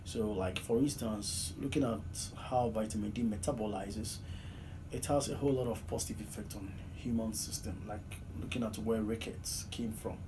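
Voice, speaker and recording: A man's voice: lowish voice, steady tone, moderate pace. A man in his thirties from Ghana with a Ghanaian accent, earnestly answering interview questions from a small office, with many "uh" fillers. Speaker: PhD student guest. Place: small office, seated in desk chair. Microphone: far camera, low angle. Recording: noisy room recording.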